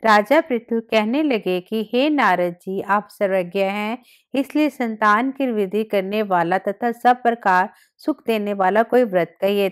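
A woman reads a devotional scripture story aloud at a steady, even recitation pace. Her voice sits at an ordinary middle pitch for a woman. She now and then stumbles and restarts a word. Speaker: narrator.

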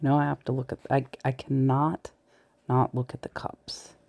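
With a level, darkish bass voice, a touch of vocal fry and a moderate pace, a woman vlogs casually while shopping the shelves of a large thrift store to resell. She talks to her viewers and sometimes whispers, recorded point of view through a body-worn camera mic.

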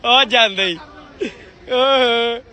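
A man's voice: very high-pitched, slow pace, sharp tone, some chatter behind. A man with an Indian Punjabi accent doing casual, teasing vlog banter, insistently repeating himself. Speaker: vlogger.

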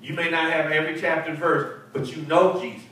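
Here the same kind of scene: a middle-aged pastor teaching Bible study to a seated group in a church fellowship hall, preaching with emphasis, repeating words and asking for responses. He talks fast, with a fairly high, bright and forceful voice. Though he holds a handheld mic, a far-off camera captures him, leaving echo from the hall and a faint hiss.

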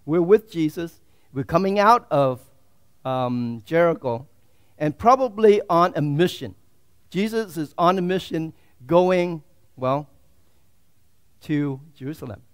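A man preaching a sermon as a pastor in a church, swinging from loud, fervent declarations to hushed, quiet asides. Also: on the high side, clean tone.

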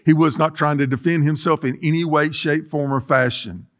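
This pastor's voice is a little high, with fairly even intonation and a moderate pace. Middle-aged, he preaches in a large indoor church sanctuary filled with rows of chairs, pacing, gesturing, and earnestly restarting as he talks.

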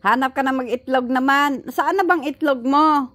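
A woman with a Filipino accent chatting slowly and warmly to her pet chickens outdoors, coaxing them and laughing, recorded on a handheld phone. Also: sits high, no room sound. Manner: slow, chatty, laughing, coaxing baby talk. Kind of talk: casual chat to pets and camera. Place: outdoors on a patio lawn. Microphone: handheld phone pointed down.

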